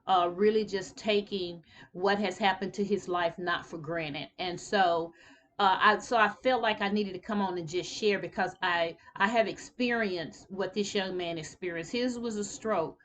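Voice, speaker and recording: A woman's voice: fairly low pitch, a bit bright, a little hiss or hum. A woman in her fifties talking casually to camera, telling a personal story in an earnest, reflective way. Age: 50s. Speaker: tax preparer sharing life advice.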